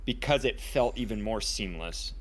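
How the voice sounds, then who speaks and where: A podcast co-host with a lowish, expressive voice chats casually at normal speed. He's playful and teasing toward his friend, calling him "dude" and "homie".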